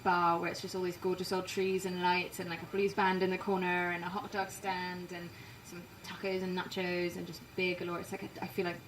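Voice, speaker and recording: A woman from England, partly raised in Canada, with an English accent, chatting quickly and self-deprecatingly as a musician being interviewed. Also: lowish voice, completely flat delivery, reverberant, distant mic, a little hiss or hum, rough recording. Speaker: musician guest. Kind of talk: casual interview chat. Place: inside a parked trailer.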